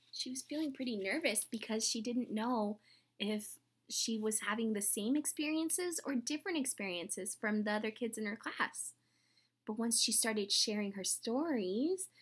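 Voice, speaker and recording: Reading a picture book to children in a small room at home, a woman in her thirties speaks in a husky voice on the high side. She performs it animatedly with dramatic emphasis, throwing in chatty asides and asking her young audience questions.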